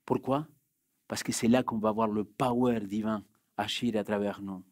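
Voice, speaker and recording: A young man with a Spanish accent, Spanish being his first language, preaching a sermon and telling a personal story, swinging from loud urgent bursts to hushed, quiet passages. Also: lowish voice, fairly even intonation, normal speed, no echo, studio quality. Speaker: pastor. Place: church hall.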